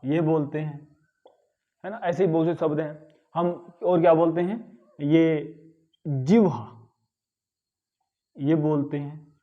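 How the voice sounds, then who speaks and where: A man teaching a grammar lesson, repeating words slowly to correct their pronunciation and often checking in with his listeners. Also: a little high, lo-fi sound. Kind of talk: spoken lesson.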